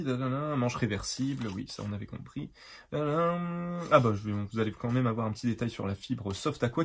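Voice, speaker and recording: A man's voice: medium pitch, creaky, husky. A tired man chatting casually on his video channel, rambling with lots of fillers, restarts and little digressions. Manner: rambling, self-correcting, many fillers and digressions. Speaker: art supplies reviewer. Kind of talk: casual chat to camera.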